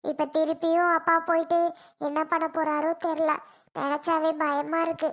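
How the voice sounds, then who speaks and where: Fretful young mother, very high. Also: flat delivery, moderate pace. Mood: worried. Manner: fretful, musing aloud. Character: anxious young mother, woman. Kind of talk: cartoon serial voice acting.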